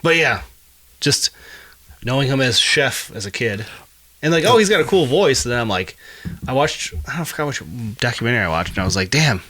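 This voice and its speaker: A man's voice: medium pitch, a little fast, long pauses. A man in his thirties co-hosting a podcast, telling stories with energy and laughing often. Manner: animated storyteller, laughs often. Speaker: podcast co-host. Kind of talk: casual podcast chat.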